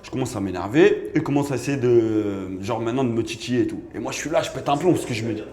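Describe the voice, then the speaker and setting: A man, a rapper, casually telling a personal story in an animated, slangy way, acting out bits of dialogue as he goes. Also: medium pitch, fast. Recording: echoey room with faint ambience.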